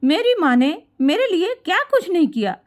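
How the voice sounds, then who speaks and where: A woman's voice: very high voice, sing-song, normal speed. A woman voicing a patient, earnest grown son who reasons and pleads. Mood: earnest pleading.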